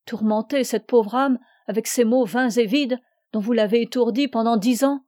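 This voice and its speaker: Woman reader doing a possessive young heroine, impassioned and scornful, warm dark timbre. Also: fairly high pitch, steady tone, moderate pace, dry recording, clean studio sound, close to an everyday voice. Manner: impassioned, scornful, rising to cries. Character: passionate young woman, fiercely possessive lover.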